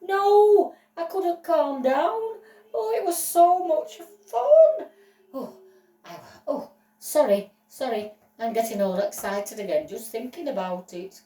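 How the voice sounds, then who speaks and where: A woman voicing an excitable male dog on trial, gushing and apologetic in a playful toy-play story. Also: medium pitch, a little slow, distant mic, natural voice. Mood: overexcited. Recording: roomy echo, voice off-mic.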